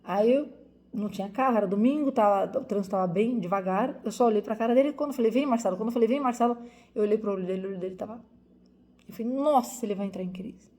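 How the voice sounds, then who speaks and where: A woman's voice: medium pitch, rapid-fire, dark tone. A woman from Brazil in her forties, a doctor, telling viewers a personal story in an emotional, vivid way with lots of repetition.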